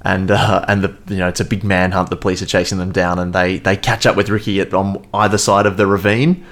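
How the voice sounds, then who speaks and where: Low-voiced man reviewing a film casually. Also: little pitch movement, fairly quick, a bit bright. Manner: enthusiastic, restarts often. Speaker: podcast co-host.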